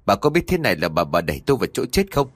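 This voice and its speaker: A man's voice: lowish voice, very animated, very fast, slightly rough, no echo. Man playing a snarling, cruel son. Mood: angry. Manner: snarling, growling outbursts. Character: greedy cruel son, hot-tempered man.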